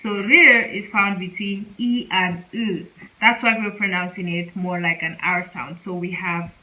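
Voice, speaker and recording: A woman teaching a casual spoken lesson, speaking slowly and repeating example words several times. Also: medium pitch, fairly even intonation, sharp tone, low-quality recording. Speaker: Korean language teacher.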